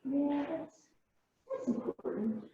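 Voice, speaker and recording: A woman's voice: high-pitched, slow, warm tone. A woman on a video call giving short, agreeable replies in casual chat. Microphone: video call, far from the mic. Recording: distant, echoey, lo-fi call with noise.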